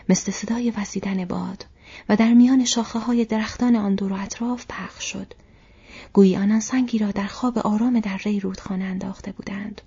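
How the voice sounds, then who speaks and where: A woman narrating an audiobook in a steady, even storytelling manner. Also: mid-range voice, husky. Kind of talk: scripted narration. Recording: dull lo-fi recording.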